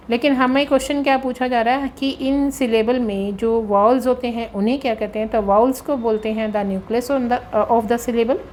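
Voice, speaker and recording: A woman's voice: a little high, darkish tone, a little hiss or hum. A woman teacher explaining exam questions in a lesson, patiently repeating key points and reading the terms. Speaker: English grammar teacher.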